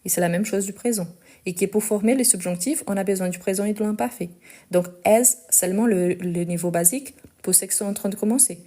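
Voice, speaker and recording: Teaching French in a live online session, this woman has a mid-range voice with a dark tone. She goes slowly and carefully, repeating each sentence and spelling the verb endings aloud.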